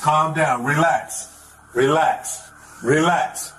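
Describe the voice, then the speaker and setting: A male police officer negotiating calmly, repeating the same pleas over and over inside a building. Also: on the high side, slow pace. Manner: calm, insistent, repeats pleas. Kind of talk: crisis negotiation. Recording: echoey body camera audio with background noise.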